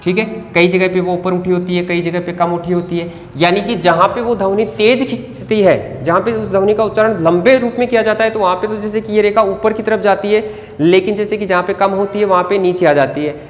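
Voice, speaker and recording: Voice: mid-range voice, steady tone, fairly quick, a little hiss or hum. Echoey teacher quizzing and answering self. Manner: poses rhetorical questions and answers them, stretches key words. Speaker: Hindi grammar teacher. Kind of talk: exam-prep lecture. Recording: echoey room with long reverb, faint ambience.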